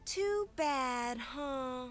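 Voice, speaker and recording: A woman's voice: high voice, animated, extremely slow, faint music behind, heavily acted. A woman voicing a self-assured, bossy teenage overachiever in a video game, with a buzzy, bee-like voice. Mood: breezy, bossy. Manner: breezy, confident, bossy. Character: chirpy, self-assured teenage schoolgirl student, academic overachiever.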